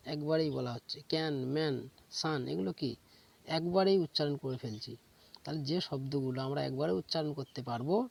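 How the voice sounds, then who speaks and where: A man teaching an English grammar lesson, explaining step by step, asking questions and answering them himself, and slowly repeating key words. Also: fairly high pitch, vocal fry. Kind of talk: classroom lecture.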